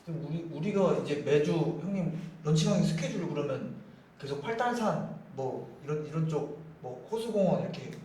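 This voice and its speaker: Lively man in a very echoey space. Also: a little high, normal speed, slight background noise. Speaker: co-host asking and summing up. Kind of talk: casual chat. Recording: very echoey, chatter behind.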